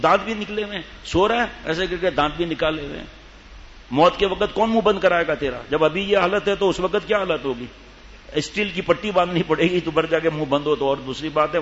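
A man with a slightly high, fairly bright voice delivers a humorous sermon to a live audience. He jokes around, teases his listeners and acts out the people he quotes in his stories. The recording is dull and lo-fi, with a reverberant hall and faint room noise.

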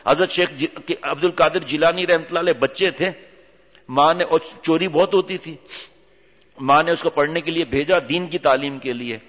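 A male preacher giving an animated sermon full of rhetorical questions and scolding, in a reverberant hall on a dull lo-fi recording. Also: on the high side.

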